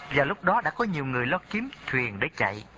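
Male memoir reader, bright and lively delivery, dull lo-fi tape with faint hiss. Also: medium pitch, fast. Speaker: narrator. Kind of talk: memoir audiobook reading.

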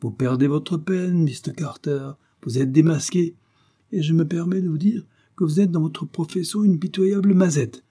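A man's voice: a little high, sing-song, moderate pace, mellow, husky, pitched above the performer's own voice. A man reading a storybook voicing a sneering villainous gang leader who taunts with false politeness. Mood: taunting. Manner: mocking, hypocritically polite.

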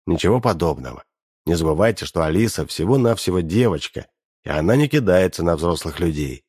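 A man narrating an audiobook in a lively storyteller's manner. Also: deep voice, fairly quick, breathy edge, dry recording, studio quality.

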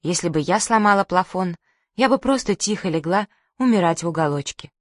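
A woman narrating an audiobook in a lively, expressive storytelling manner. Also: lowish voice, brisk, no echo. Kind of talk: audiobook reading. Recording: dry close studio sound.

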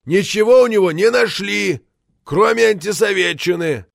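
Man doing a gravelly deaf old man shouting. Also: high voice, normal speed, no room sound, studio quality, voice pushed up. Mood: bellowing. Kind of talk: audiobook character voice.

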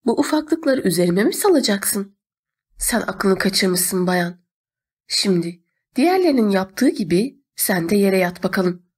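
A woman voicing an armed male robber who gives slow, menacing commands in a storybook reading. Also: medium pitch, lively intonation, darkish tone, husky.

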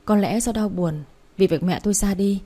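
A woman narrating a first-person family story as an audiobook, in a steady, earnest reading. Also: mid-range voice, moderate pace.

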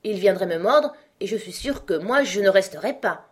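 A woman's voice: mid-range voice, lively intonation, moderate pace, slightly rough, voice pushed up. A woman reading an audiobook, voicing an earnest, polite young girl who reasons things through carefully.

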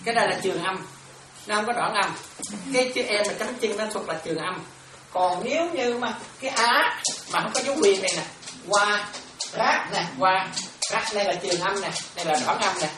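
A woman's voice: medium pitch, fast talker. A woman, a Buddhist monastic teacher leading a dharma class on Pali terms, who repeats herself and keeps asking if her students follow. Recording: echoey room from far off, ambient noise.

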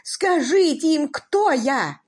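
A woman's voice: high voice, expressive, slow, pitched above the performer's own voice. A woman voicing an indignant, pompous middle-aged press magnate.

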